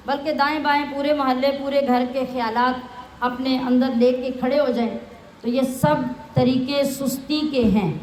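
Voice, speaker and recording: Woman, high voice, Quran lesson, recites then translates, rhetorical questions, roomy echo. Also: a little hiss or hum. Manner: reads Arabic phrases, then explains each plainly; asks the listeners rhetorical questions. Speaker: Quran teacher. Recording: echoey room.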